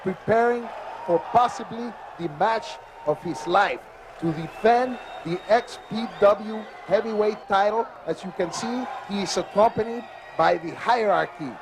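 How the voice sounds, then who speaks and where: A man's voice: sits high, measured pace. A man giving emphatic play-by-play wrestling commentary, heard from a worn VHS tape copy. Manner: emphatic, repeats "ladies and gentlemen". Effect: worn VHS tape copy with hiss. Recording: worn tape hiss over loud arena crowd. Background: cheering wrestling crowd.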